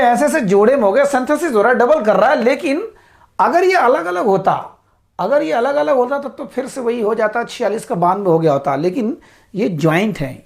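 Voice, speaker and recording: A woman's voice: fairly high pitch, a little mellow. A woman teacher explaining biology terms to students, repeating key words and checking in after each point. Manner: repeats "ठीक है" to check understanding, drills terms slowly; addresses students as "साथियों". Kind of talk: whiteboard lecture.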